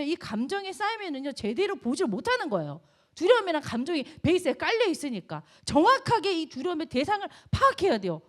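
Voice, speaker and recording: Woman preaching, young adult, high voice, very lively pitch, asks the listeners questions. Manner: animated, asks the audience questions, acts out cries to God. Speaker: college ministry preacher. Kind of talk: sermon.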